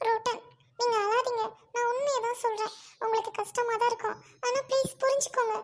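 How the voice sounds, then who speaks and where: A woman's voice: extremely high pitch, level tone, brisk, a little hiss or hum. A woman voicing a young woman doctor who pleads and insists, in an amateur audio drama. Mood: insistent.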